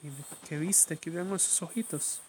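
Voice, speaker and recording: A man's voice: on the high side, normal speed, a little hiss or hum, natural voice. A man reading a story, voicing a pushy, sly police officer who coaxes a child in a sugary tone. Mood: coaxing. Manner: sugary coaxing turning sharp.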